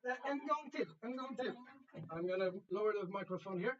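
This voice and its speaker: A man with a high voice hurries a group of students through a rehearsal. His instructions are brisk and full of restarts. He is recorded from a distance, and the sound is dull and lo-fi. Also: expressive, crowd noise. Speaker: teacher coordinating a radio contact rehearsal. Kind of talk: instructing students, mixing Swedish and English. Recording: lo-fi, distant from the mic.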